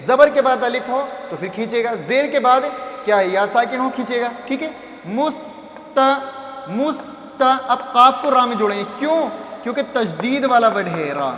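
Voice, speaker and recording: This man teaches Arabic letters to Quran readers in a slow phonics lesson, his voice extremely high-pitched and fairly bright. Patiently, he repeats syllables and both asks and answers his own questions, with the echoey hall's faint ambience audible.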